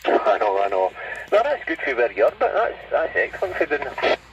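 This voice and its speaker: A Scottish CB radio hobbyist chats casually and rambles over the airwaves, often tacking on little tag questions. His mid-range voice swings hugely in pitch at a fairly quick pace, and the CB radio transmission sounds muffled, distant and faintly noisy.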